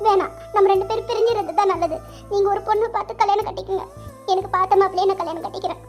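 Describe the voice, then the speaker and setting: A woman's voice: extremely high pitch, steady tone, very fast, faint music behind. A woman voicing a stubborn, wounded young woman who argues with her lover in a cartoon. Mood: indignant. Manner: firm, indignant, reproachful.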